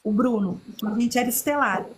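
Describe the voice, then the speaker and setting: A woman, a podcast guest telling her personal story in an earnest, unhurried way. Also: fairly high pitch. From Chile. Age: 50s.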